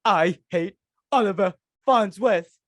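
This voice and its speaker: A woman reads the part of an imperious, flustered society hostess and mother in a stage comedy, her mid-range voice slow, indignant and scornful. She's dramatic and exclamatory, repeating herself to drive points home.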